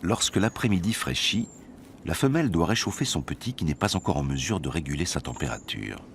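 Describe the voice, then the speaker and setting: A man's voice: low-pitched, sing-song, brisk, background noise. A man reading scripted narration as the narrator of a nature documentary.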